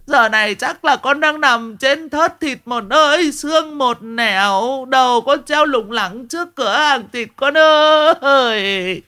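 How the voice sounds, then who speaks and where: A man voicing a foul-mouthed old village woman who hurls rapid-fire curses and drawn-out wailing laments. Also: very high voice, sharp tone, smooth, pitched above the performer's own voice, heavily acted.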